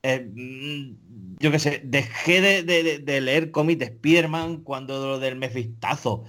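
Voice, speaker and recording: A man co-hosting a podcast, lets loose a profane, exasperated rant. He keeps tripping over his words and restarting, his voice sitting at an ordinary mid pitch. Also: measured pace, pushed and bright. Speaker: podcast co-host. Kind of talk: casual ranting chat.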